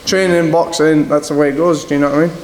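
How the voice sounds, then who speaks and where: Speaking fast in a slightly high, darkish voice with little pitch movement, a young man from Scotland with a northeast English accent answers casual interview questions. He's a boxer who tells rambling stories and frequently slips in "do you know what I mean." The hall is echoey, with faint noise behind him.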